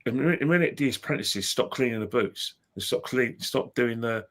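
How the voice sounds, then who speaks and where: A man chatting casually about old football days, excitable and repeating himself as he gets going. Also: medium pitch, a little fast.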